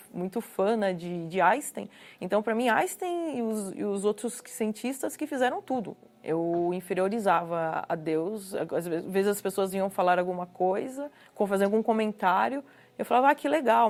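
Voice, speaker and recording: Her mid-range voice has a darkish tone as this woman from Brazil earnestly recounts her personal testimony as a guest. She speaks with a Brazilian Portuguese accent and repeats words for emphasis.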